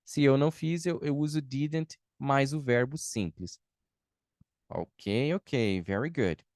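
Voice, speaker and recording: A Brazilian man teaches an online English class at an unhurried, deliberate pace. He explains patiently and answers students' chat questions one by one. The recording is dry, with no room sound. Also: mid-range voice, darkish tone, dry recording. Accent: Brazilian Portuguese.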